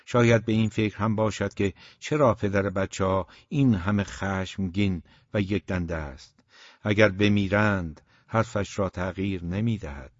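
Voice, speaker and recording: Guy reading an audiobook, deep-ish voice, serious, kinda dull dry audio. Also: fairly even intonation, dry recording. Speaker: narrator. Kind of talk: audiobook narration.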